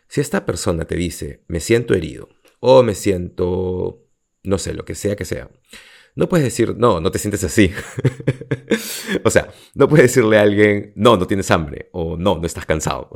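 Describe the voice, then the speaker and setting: A man's voice: deep voice, creaky, darkish tone, husky. A man hosting a solo podcast as a coach, talking earnestly and reflectively, with frequent fillers.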